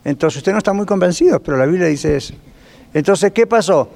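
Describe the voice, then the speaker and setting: A man teaching a Bible class as pastor, lively and conversational, putting rhetorical questions to his listeners. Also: high-pitched, fairly quick, creaky. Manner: lively, asks the class rhetorical questions, drops in English phrases. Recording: long reverb of a church hall.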